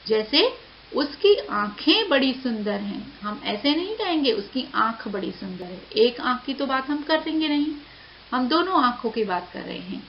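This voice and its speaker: A woman teacher giving a lesson to children, saying each word slowly and clearly and repeating it for them. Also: fairly high pitch, sing-song. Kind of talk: slow classroom lesson to children. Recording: dull lo-fi audio with faint hiss.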